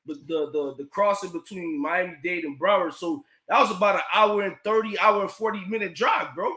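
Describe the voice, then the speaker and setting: A man telling a story in casual chat, animated and swearing, acting out what others said. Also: sits high, a little fast. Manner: animated, swears, acts out quoted dialogue. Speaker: podcast guest telling a story. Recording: echoey room.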